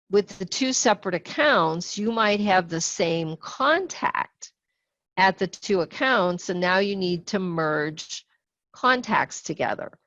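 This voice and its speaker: A woman guides viewers through software steps in a patient, unhurried way, pausing often with small fillers. Her voice sits fairly low, and the sound is dry and a little dull, like webinar audio. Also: dry recording. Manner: patient, step-by-step with frequent fillers. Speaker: software trainer. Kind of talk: screen-share webinar tutorial.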